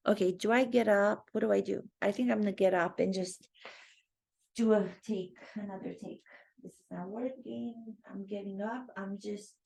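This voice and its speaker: In her own talking-head commentary video, a Romanian-accented acting teacher speaks to camera, reflecting earnestly as she thinks out loud. She has a mid-range, darkish, slightly rough voice with some creak, keeping a steady tone at normal speed.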